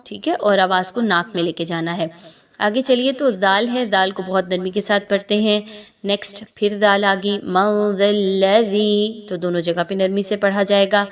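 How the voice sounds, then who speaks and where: Female tajweed teacher, mid-pitched; patient rule explanations, slow chanted word demos. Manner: explains pronunciation rules patiently, then demonstrates words slowly and drawn out.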